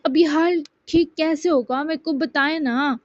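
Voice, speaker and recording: A woman's voice: high-pitched, steady tone, no room sound, close to an everyday voice. A woman voicing a shy, sweet young woman in a bashful, pleading manner. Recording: dull dry lo-fi sound.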